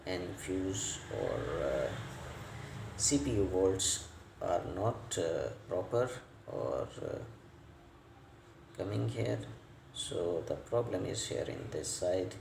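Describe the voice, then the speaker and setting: An electronics repair technician, male and not a native English speaker, talks through a hands-on, unscripted repair demo. His speech is slow, halting and piecemeal, with repeated words, a gravelly low register and lively intonation; the indoor recording is roomy and echoey, with faint noise.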